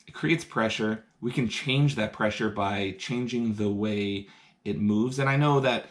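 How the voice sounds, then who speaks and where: A man with a lowish, slightly slow voice teaches science on a live stream from indoors at home. He's chatty and excited, explaining each step as he performs hands-on experiments.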